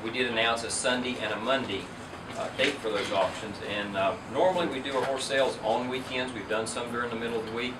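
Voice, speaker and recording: A middle-aged man, an auction company owner, giving a businesslike statement at an indoor press event, picked up from a distance. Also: on the low side. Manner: businesslike, steady explaining. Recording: roomy, distant, loud air-conditioning hum.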